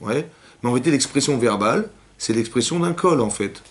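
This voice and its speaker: A man teaching a lively class to young women, asking questions and acting out cries and quotes. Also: mid-range voice, brisk, a little hiss or hum. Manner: animated, asks questions, acts out cries and quotes. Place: synagogue hall with young women students.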